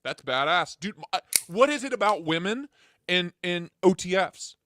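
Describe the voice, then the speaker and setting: A man's voice: high voice, big pitch swings, moderate pace, sharp tone, a little hiss or hum, exaggerated voice. A man talking through a voice changer that morphs his voice, chatting casually and profanely about knives. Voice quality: profane, joking. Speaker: knife reviewer. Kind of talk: casual chat.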